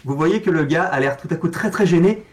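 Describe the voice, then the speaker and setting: A man's voice: fairly high pitch, fairly quick, a little hiss or hum. Hesitant male game master. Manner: hesitant, many fillers and repeats. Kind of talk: narrating a tabletop game.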